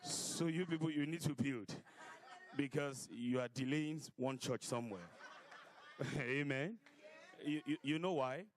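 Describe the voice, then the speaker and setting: A man preaching a fiery church sermon as a pastor, loudly exhorting his congregation with call-and-response. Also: medium pitch, measured pace. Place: church service before a congregation.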